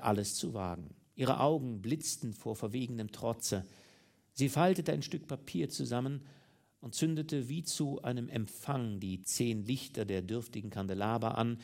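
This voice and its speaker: A male audiobook reader narrates a classic novel at a measured, dramatic pace. His voice has a gravelly, creaky grain at a middle pitch. The reading is steady and storytelling in manner.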